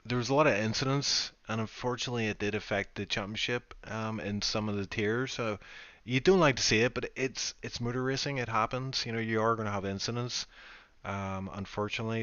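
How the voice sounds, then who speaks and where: A British man hosts a racing league stream, rambling chattily through casual post-race commentary and making fun of himself. His voice is on the low side and a bit bright, with no echo. The stream audio is dull and lo-fi.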